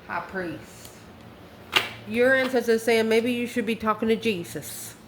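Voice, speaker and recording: A woman hosts a casual, conversational tarot reading on her channel, chatty and informal with rambling asides. Her voice is on the high side and a little slow, in an echoey room with clear background noise.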